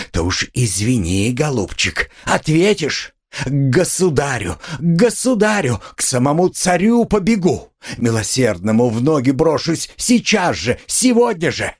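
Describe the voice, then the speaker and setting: A man's voice: on the high side, breathy edge, pitched above the performer's own voice, heavily acted. A man voicing a proud, destitute middle-aged woman, hysterical and scornful, in an audiobook. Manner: shrieking, frantic, scornful. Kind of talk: audiobook character voice.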